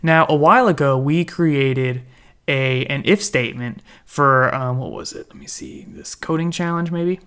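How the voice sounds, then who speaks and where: A man's voice: mid-range voice, lively intonation, moderate pace, a bit bright, clean tone. A man teaching programming in a casual screen-recorded tutorial, chatty and joking, often correcting himself as he goes. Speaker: programming instructor.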